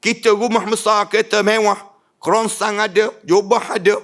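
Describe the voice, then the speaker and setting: Religious lecturer, male, northern Malaysian Malay accent, pitched high, exhorts a live audience with rhetorical questions. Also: flat delivery, normal speed, a bit bright. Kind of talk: sermon.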